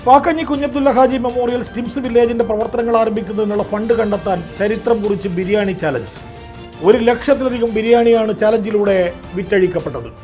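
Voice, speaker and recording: A man reading the news in a formal, steady way. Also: very high-pitched, fast, soft background music. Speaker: news presenter.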